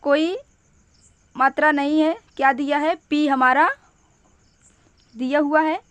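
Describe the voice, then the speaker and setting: A woman teaching spelling step by step, patient and repeating each point slowly. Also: high voice, fairly even intonation, fairly bright tone, no echo.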